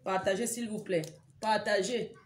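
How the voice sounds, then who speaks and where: A woman's voice: mid-range voice, steady tone, moderate pace, echoey room. A woman hosting a casual live stream from home on her phone, urgently repeating her pleas to viewers and teasing them with scolding banter. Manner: repetitive, urgent pleading with viewers. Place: at home indoors.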